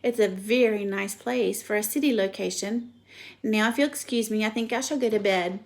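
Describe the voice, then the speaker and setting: Storybook songbird, a tiny gentle hen, soft and musical, courteous, read by a woman. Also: mid-range voice, moderate pace, vocal fry, lightly acted.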